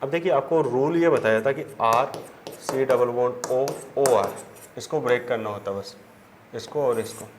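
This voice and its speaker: A man's voice: medium pitch, normal speed. A man, teaching chemistry at a board, explaining step by step and answering his own questions. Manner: addresses students as children. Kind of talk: whiteboard lesson. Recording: faint background noise.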